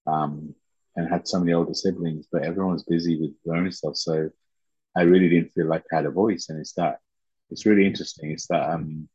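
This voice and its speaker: A middle-aged man from Uganda, a podcast guest, telling his life story in a halting, reflective way with many pauses and restarts. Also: low-pitched, breathy edge, no echo, highs cut off.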